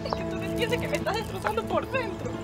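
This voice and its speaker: Shrill, betrayed young telenovela heroine. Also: female voice, lively intonation, fast talker, loud music behind the voice. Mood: furious, hurt. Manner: emphatic, accusing, melodramatic. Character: betrayed, hot-tempered young woman of telenovela melodrama. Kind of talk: telenovela acting.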